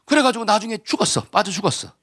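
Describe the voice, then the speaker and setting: A male pastor delivers a sermon in a church, with a lively voice that swings between high and low. He keeps asking rhetorical questions and leads call-and-response. His pitch sits a bit high for a man. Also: racing, breathy edge.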